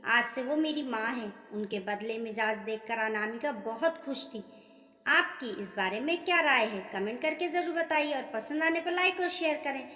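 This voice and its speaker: A woman narrating a family story as a storyteller, in a plain, steady manner. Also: a little high, moderate pace. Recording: echoey room with long reverb.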